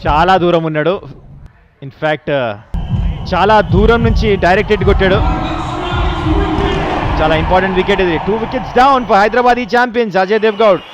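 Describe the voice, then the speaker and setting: A man's voice: high-pitched, moderate pace, pauses often, a crowd in the background. A man giving cricket commentary, summing up play and scores as an analyst. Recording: dull lo-fi broadcast sound with music. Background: music.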